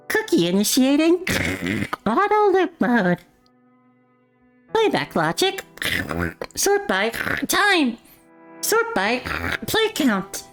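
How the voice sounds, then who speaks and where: A man's voice: very high-pitched, fairly bright tone, pitched above the performer's own voice, heavily acted. A man voicing a small malfunctioning robot companion that keeps glitching and announcing errors in clipped robotic status lines. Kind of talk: reading game dialogue aloud.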